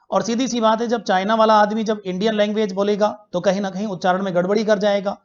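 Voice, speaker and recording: Guy teaching an online history class, asks stuff then answers it himself, repeats the key bits, kinda muffled lo-fi audio. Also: high voice. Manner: asks quiz questions and answers them himself; repeats key facts for students to remember. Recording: dull lo-fi recording.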